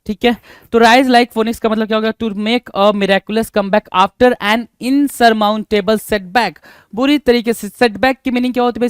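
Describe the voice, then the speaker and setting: A man teaching English idioms for exam preparation, mixing Hindi and English. He repeats each phrase slowly and keeps putting rhetorical questions to his students. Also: high-pitched, clear, resonant tone, dry recording, studio quality. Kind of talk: exam-prep lesson.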